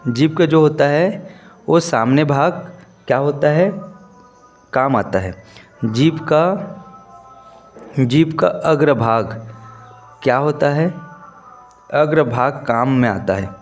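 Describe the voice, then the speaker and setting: A male teacher giving a lesson, who asks his students questions, answers them himself and repeats key terms slowly. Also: mid-range voice, darkish tone. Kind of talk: classroom-style lesson.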